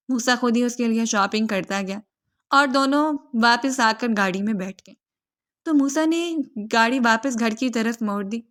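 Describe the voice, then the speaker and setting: A woman reads a romantic novel aloud in steady, scripted narration. Her voice sits fairly high for a woman. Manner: steady storytelling.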